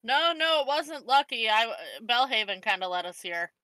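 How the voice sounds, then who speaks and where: A woman's voice: fairly high pitch, expressive, normal speed, sharp tone, no room sound, poor audio. A woman chatting casually and playfully as a player in a tabletop game.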